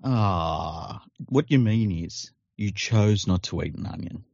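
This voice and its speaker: A man co-hosting a podcast, chatting casually in a deadpan, teasing, sweary way. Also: fairly low pitch, slow pace, creaky, husky, no echo, muffled recording. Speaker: podcast co-host. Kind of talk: casual chat.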